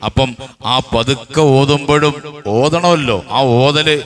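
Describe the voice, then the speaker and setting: A man's voice: fairly high pitch, a bit bright. A man with a Kerala Malayalam accent teaching a religious law lesson, repeating each point and posing questions that he answers himself. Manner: slow, repeats points, asks and answers his own questions. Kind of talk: Islamic jurisprudence lesson.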